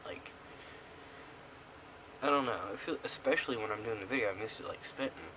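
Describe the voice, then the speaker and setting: Young american guy vlogging with a lip full of dip, kinda low voice, noisy room recording. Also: brisk. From United States. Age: young adult. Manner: talking with a pouch tucked in his upper lip. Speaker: product reviewer. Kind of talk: casual rambling vlog. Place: small room indoors. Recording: clear background noise on camera mic.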